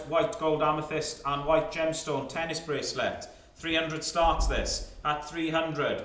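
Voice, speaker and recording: A man's voice: on the high side, a bit bright. A man working as a fine art auctioneer, calling lots and repeating bid figures in clipped, rolling phrases. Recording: roomy, echoing sound.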